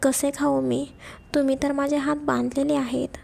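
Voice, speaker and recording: A woman's voice: high voice, little pitch movement, normal speed, creaky, a little mellow. A woman voicing a frightened young woman held captive, tearful and begging to be let go, in an audio story. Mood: pleading. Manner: pleading, begging.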